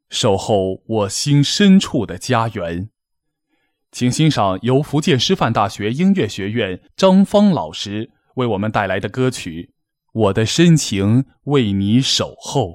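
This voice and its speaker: A man's voice: medium pitch, dry recording, studio quality. A man hosting a formal gala, delivering a scripted, poetic address in a solemn, declamatory manner. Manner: declamatory, solemn, measured phrasing. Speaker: gala host, master of ceremonies.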